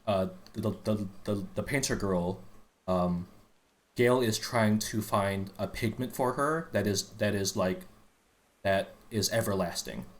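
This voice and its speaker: Rambling, earnest young-sounding man, low voice. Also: a little slow. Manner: rambling, full of restarts and fillers, earnest explainer. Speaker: streamer explaining game lore to friends. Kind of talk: casual live-stream chat.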